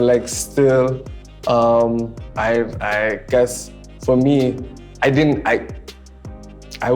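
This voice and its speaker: A man in his twenties hosting a relaxed group chat, talking in halting bursts full of restarts and fillers. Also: mid-range voice. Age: 20s. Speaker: host. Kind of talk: casual chat.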